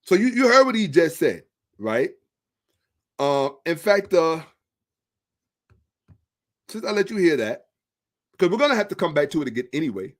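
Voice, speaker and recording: A man's voice: fairly high pitch, sing-song, normal speed, pauses often. Emphatic male commentary host. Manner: emphatic, repeats phrases, rhetorical questions. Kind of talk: social commentary monologue.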